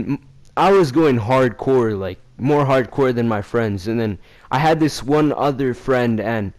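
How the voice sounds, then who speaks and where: A young man in a casual vlog telling a story in slangy, profane, rambling talk. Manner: acts out quoted lines in a louder, higher voice. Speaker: vlogger.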